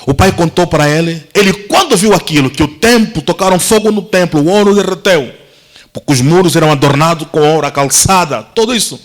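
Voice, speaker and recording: A male pastor, telling a Bible story as a dramatic Pentecostal sermon, acting out voices and shouting at the peaks. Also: fairly high pitch, fairly quick, rough recording. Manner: theatrical, acts out the story's voices, shouts at climaxes.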